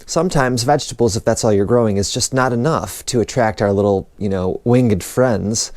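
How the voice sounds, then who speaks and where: A man's voice: fairly low pitch, normal speed, a little mellow, no room sound. A man hosting a casual gardening vlog, chatty and enthusiastic, often drifting off topic. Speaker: gardening vlogger. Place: outdoors in a snowy garden for part.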